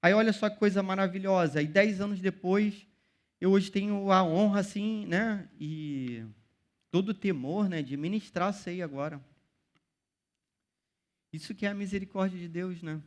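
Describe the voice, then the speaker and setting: A man's voice: sits high, moderate pace. A young man with a Brazilian Portuguese accent preaching a casual youth sermon, full of slang and direct address to the listeners. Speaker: youth pastor.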